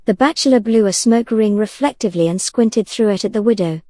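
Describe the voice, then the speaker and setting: A woman narrating an audiobook in an even, measured reading. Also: medium pitch, no room sound. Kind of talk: scripted narration.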